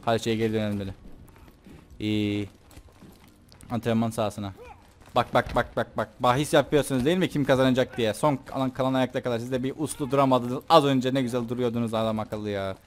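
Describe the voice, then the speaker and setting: A man talks his way through a video game in a relaxed, joking tone. His voice sits in a middle pitch, and he chats freely, teasing the characters on screen as he plays. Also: fast talker. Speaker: gameplay commentator. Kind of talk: casual let's-play commentary.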